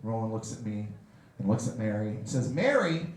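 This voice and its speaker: A man doing a stand-up comedy set on a club stage, telling a story with animated delivery and shouted punchlines. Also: on the low side, fairly quick. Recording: roomy live club recording with crowd noise. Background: audience laughter.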